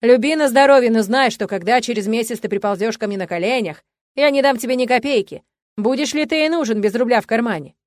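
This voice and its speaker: A woman voicing a cruel, contemptuous middle-aged father who shouts and sneers insults. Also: on the high side, quick pace, lightly acted. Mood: cold threatening.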